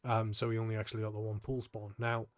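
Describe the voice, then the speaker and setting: A young man, a gaming channel host, casually talking through a gameplay guide in a relaxed, explanatory way, sounding tired and yawning. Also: on the low side, fast talker. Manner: relaxed, explanatory, frequent ums.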